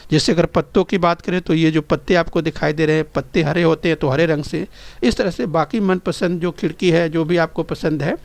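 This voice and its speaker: A male primary school teacher with a somewhat high voice, coaxing young pupils through a recorded lesson. He speaks patiently, spells out each phrase slowly, and keeps urging the children to listen and repeat. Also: fairly even intonation, vocal fry, no room sound. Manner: addresses the children constantly, coaxing and encouraging.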